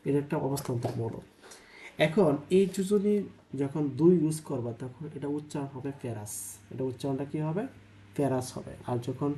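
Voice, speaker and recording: Very dark-voiced male tutor thinking aloud. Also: medium pitch. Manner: thinks aloud, asks and answers own questions, "তাই না?" checks; mixes English numbers and terms into Bengali. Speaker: chemistry tutor. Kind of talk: exam-prep lesson, working problems aloud.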